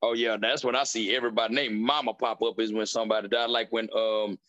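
A man's voice: on the low side, little pitch movement, fast, a bit bright, no echo, dull audio. A man hosting a podcast, asking questions and joking around in casual slang. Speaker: podcast host, comedian.

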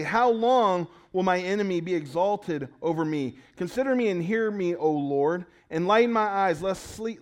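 Speaking to his congregation in a conversational way, a pastor delivers a sermon in a voice that sits fairly high for a man. He poses questions to the crowd and alternates between loud, urgent lines and quiet ones.

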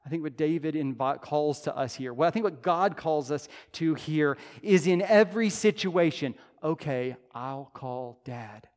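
A man in his thirties preaching a sermon as pastor, earnest and conversational, rising to loud emphatic peaks. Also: a little high, normal speed, hardly any pauses. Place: church sanctuary. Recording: long church-hall reverb.

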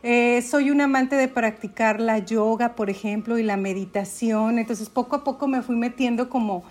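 A woman's voice: fairly high pitch, normal speed, darkish tone. A woman with a Mexican accent, a podcast guest telling her story in casual, chatty conversation. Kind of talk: casual chat.

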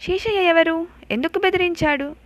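A woman voicing a calm male police officer who questions and reassures a victim in a told story. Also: a little high, moderate pace. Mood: reassuring. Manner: reassuring, firm.

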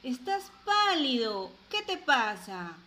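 A woman doing a bright, cheeky teen daughter. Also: high-pitched, very animated, takes it slowly, heavily acted. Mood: breezy. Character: teenage daughter, fifteen, cheeky and carefree.

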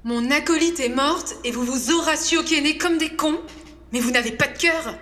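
A woman's voice: high-pitched, normal speed, loud music behind the voice, lightly acted. A woman playing a bossy, exasperated adventurer in a comedy audio drama, with a biting, sarcastic way of talking. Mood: bitter. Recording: echoing hall with noisy ambience.

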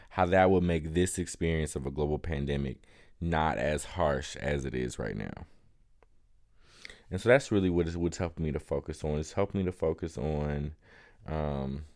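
A man with a very low voice talks through his thoughts in a relaxed vlog. He speaks in a thoughtful, rambling way, often pausing on "um" and restarting his sentences. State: has hiccups. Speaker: vlogger. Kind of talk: casual reflective monologue.

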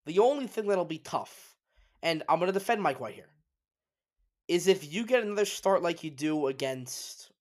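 This sports podcast host is a man whose slightly high voice is expressive, moving at a moderate pace. On his solo talk show he comes across congested and sniffly, and his forceful takes are broken up by frequent restarts.

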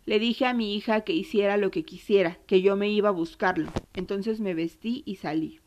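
A grieving Argentine mother tells what happened in a low, subdued voice, as a woman reads her part. Her pitch sits in the middle of a woman's range. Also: normal speed, darkish tone, dull audio, slight background noise, close to an everyday voice. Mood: bitter. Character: grieving mother recounting her son's death.

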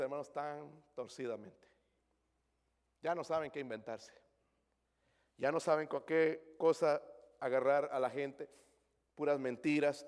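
A man's voice: mid-range voice, darkish tone, in a large hall. A male pastor preaching a sermon in a church, asking the congregation many rhetorical questions.

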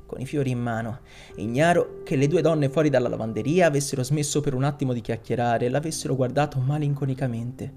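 A man reading a short story aloud as an audiobook narrator, in a measured, expressive way. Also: medium pitch, creaky.

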